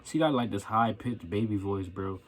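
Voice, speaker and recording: A man's voice: lowish voice, normal speed. A young man telling a profane, slangy story about his coworkers in a casual rant. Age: young adult. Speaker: vlogger.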